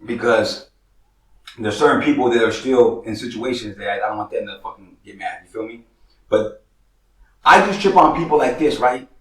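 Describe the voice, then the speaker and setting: A man's voice: mid-range voice, moderate pace, echoey room, distant mic, rough recording. A man from Northern California in his forties, telling his own street stories in casual slang, often saying "money" and "you feel me.". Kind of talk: casual storytelling to camera.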